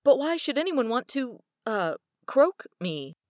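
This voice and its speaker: A woman's voice: on the high side, very animated, moderate pace, no room sound, clean studio sound, pitched above the performer's own voice. A woman reading the lines of an anxious, bewildered young man who keeps asking questions. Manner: nervous, questioning.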